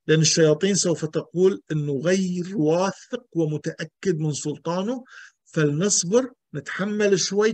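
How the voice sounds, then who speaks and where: A man's voice: high-pitched, dry recording. A male pastor, teaching an emphatic sermon full of rhetorical questions and repetition.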